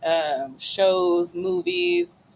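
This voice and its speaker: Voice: mid-range voice, very slow, a little hiss or hum. A radio co-host in casual talk, playful and joking while asking questions. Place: radio studio.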